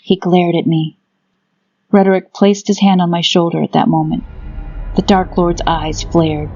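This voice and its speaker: Low-voiced woman narrating fantasy. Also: little pitch movement, a little slow, warm tone, dull audio, soft background music. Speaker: audiobook narrator. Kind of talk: scripted dramatic fantasy narration.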